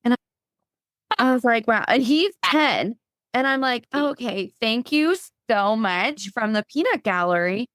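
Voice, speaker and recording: A woman guest on a podcast, telling a lively faith story and acting out her own past thoughts in quotes. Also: a little high, no echo, clean studio sound.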